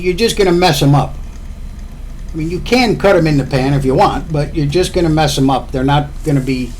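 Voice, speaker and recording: A man from Florida chats about his home cooking for a vlog, rambling and circling back to repeat his points. His voice sits slightly high for a man. The talk is loose and unscripted, like explaining over the kitchen counter. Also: darkish tone, slight background noise. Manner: rambling, chatty, repeats himself. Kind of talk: casual cooking talk to camera.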